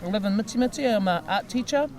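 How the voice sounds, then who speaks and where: A woman's voice: medium pitch, quick pace. A New Zealand woman, an art teacher, chatting casually in an interview with lots of ums. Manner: relaxed, chatty, with many ums and laughs. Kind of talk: casual chat. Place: outdoors at a crowded gathering. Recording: outdoor crowd noise behind. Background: crowd chatter.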